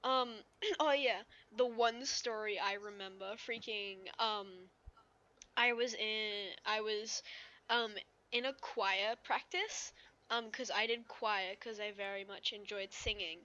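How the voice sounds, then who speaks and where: A young woman co-hosting a podcast, chatting casually, giggly and quick to exclaim. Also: mid-range voice, steady tone, sharp tone. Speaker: podcast co-host. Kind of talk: casual chat. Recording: dull lo-fi mic.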